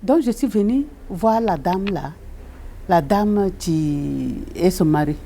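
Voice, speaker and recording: A woman, a religious sister, recounts her years in a hospital chaplaincy as a personal faith testimony. Her voice is soft, dark and warm. She circles back over the same phrases and leaps sharply upward when she acts out the people she quotes. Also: animated, takes it slowly, a little hiss or hum. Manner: repetitive, retells with quoted dialogue and sudden high leaps.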